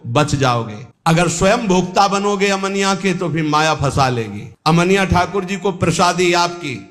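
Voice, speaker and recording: A man giving a devotional sermon as a spiritual teacher, slow and measured, with pauses and falling endings. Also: sits high, animated, fairly bright tone. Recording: long hall reverb.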